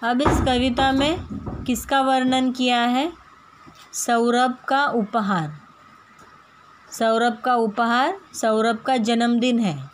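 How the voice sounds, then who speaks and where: Woman teacher going really slow, a bit high voice, repeats words over and over for little kids. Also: steady tone, a little hiss or hum. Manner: repeats and stretches words to model pronunciation. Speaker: primary school teacher. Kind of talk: slow, careful phonics lesson.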